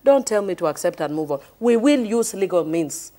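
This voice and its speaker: Warm-toned and animated, a Kenyan woman who sits in parliament speaks at a normal speed in a mid-range voice. She is a guest on a heated TV panel, pressing her case passionately and repeatedly.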